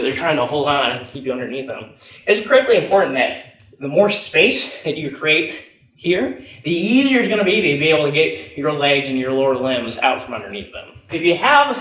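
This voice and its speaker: In an indoor matted gym, a young man teaching jiu-jitsu talks while physically demonstrating techniques on the floor. His voice is fairly high and sharp, and the audio is echoey, distant-miked, and noisy in the background.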